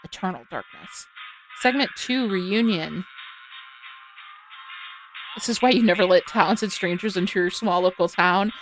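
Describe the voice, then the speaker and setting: A woman's voice: mid-range voice, a little slow, long pauses, over music. A woman streaming a game live, reading its text aloud and reacting nervously. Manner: reads game text aloud, jumpy and scared. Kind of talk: live gameplay commentary.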